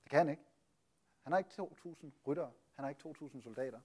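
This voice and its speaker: A man's voice: on the high side, breathy edge. A man with a slightly raised voice gives a Bible teaching. He keeps asking rhetorical questions and stops often with hesitant fillers. He sounds like a preacher explaining a passage to his listeners.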